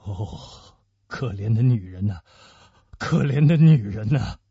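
A man voicing a grave, brooding musketeer who speaks in a low, hushed, heavy way. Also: animated, moderate pace, gravelly, breathy edge, dry recording, heavily acted. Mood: grim. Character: grave older male musketeer, grim and brooding. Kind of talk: Chinese radio-play acting. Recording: dull lo-fi dry recording.

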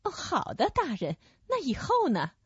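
A woman's voice: high voice, huge pitch swings, moderate pace, no echo, pitched above the performer's own voice. A woman playing a wily fawning schemer. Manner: fawning, insinuating. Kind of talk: radio storytelling. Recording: dull lo-fi recording.

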